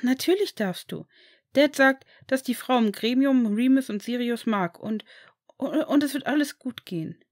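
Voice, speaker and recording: A woman voices a cheerful young boy, pitching above her own voice while staying close to an everyday sound. Her voice is on the high side, with lively intonation, normal speed, and a comforting mood. The studio-quality recording has no room sound.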